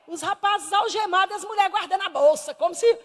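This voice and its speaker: Brazilian woman missionary, high voice, fervent sermon, church hall echo. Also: fairly quick. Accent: Brazilian Portuguese. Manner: fervent, emphatic storytelling that swings between hushed and loud. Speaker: missionary preacher. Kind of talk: Sunday school sermon with personal testimony.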